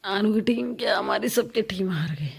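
A woman's voice: mid-range voice, animated, moderate pace, vocal fry, roomy sound. A woman and mother vlogging casually at home, chatting straight to her viewers and her son. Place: at home, indoors.

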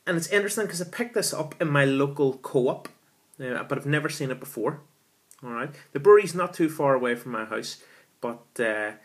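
A man, reviewing a beer at home in a chatty, enthusiastic way with lots of fillers, filmed with a camera at arm's length. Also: medium pitch. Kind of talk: casual beer review vlog. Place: small room at home, indoors.

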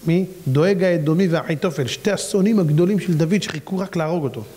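A man, a rabbi, preaching a fiery sermon and firing off rhetorical questions with big swings in pitch. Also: dark tone.

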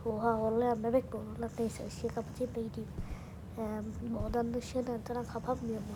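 High-voiced woman joking through a game. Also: level tone, brisk, background noise. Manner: crude, joking, mutters to herself. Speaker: gameplay streamer. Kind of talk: casual gameplay commentary.

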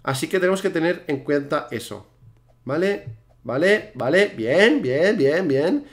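A young man chats his way through a game. His voice sits slightly high for a man, and he talks in excitable bursts, piling up quick repeated words as he plays. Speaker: gaming YouTuber. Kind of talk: casual let's-play commentary.

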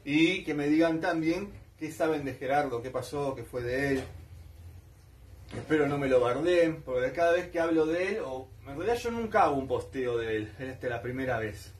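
A man's voice: a little high, expressive, normal speed, recorded from a distance, a little hiss or hum. A man with an Argentine accent, rambling casually and nostalgically as a collector vlogger. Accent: Argentine Spanish. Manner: colloquial, nostalgic, repeats himself.

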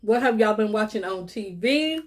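Speaking at a normal speed, the fifty-something mukbang vlogger has an expressive, mid-range voice. She eats on camera and chats casually with viewers, calling them y'all and little sis.

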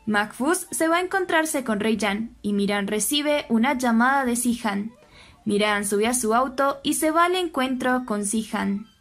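A woman narrating a scripted soap opera recap, telling the story in a steady way and giving the quoted lines only a slight lift. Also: on the high side, a little slow. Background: faint background music.

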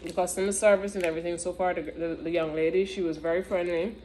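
A woman's voice: on the low side, steady tone, fast, a little mellow, poor audio. A woman talking while chewing in a casual, rambling food review chat, with fillers and restarts. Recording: clear background noise.

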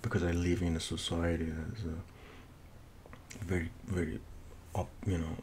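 Low-pitched man with thick Persian accent. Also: monotone, a little mellow. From Iran. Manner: halting, searching for words with repeated false starts. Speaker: film reviewer. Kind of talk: casual unscripted movie review. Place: small home office, indoors. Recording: noisy room recording with low rumble.

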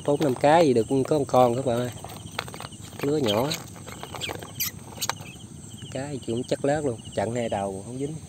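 A man's voice: medium pitch, normal speed, long pauses, noisy background. A man narrating casually to viewers as he checks fishing lines and traps outdoors, chatting to them the whole way. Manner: chatty, keeps addressing viewers. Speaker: outdoor fishing and trapping vlogger. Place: outdoors in flooded rice fields.

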